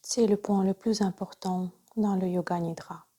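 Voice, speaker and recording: A woman of medium pitch and husky tone leads guided yoga nidra as the instructor. Soft and breathy, she often drops nearly to a whisper, pacing her short phrases calmly and steadily.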